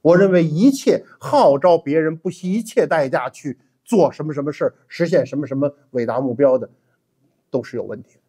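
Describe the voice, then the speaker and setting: A middle-aged man giving an animated, emphatic history lecture as a teacher, with frequent 'ah' fillers. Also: a little high, a little fast, slightly rough. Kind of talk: classroom-style history lecture.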